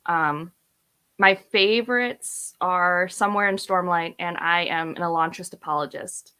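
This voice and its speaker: Her voice on the low side, smooth and sharp-toned, a thirty-something book vlogger speaks a little slowly on a read-along panel. She chats casually and emphatically about books, rambling and opinionated.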